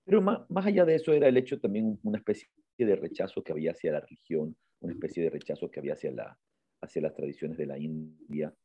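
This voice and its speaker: A low-voiced man telling a long story on a podcast, stumbling over and repeating words as he goes. The sound is dry and a little dull. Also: animated, dark tone, husky, dry recording. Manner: halting, repeats words, acts out quotes with raised pitch. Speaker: podcast co-host. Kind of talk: casual storytelling chat.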